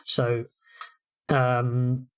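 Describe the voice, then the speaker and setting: A man's voice: mid-range voice, monotone, extremely slow, smooth. A British man co-hosting a podcast, chatting eagerly about football and telling stories. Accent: British English. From United Kingdom. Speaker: podcast co-host. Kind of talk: casual sports chat.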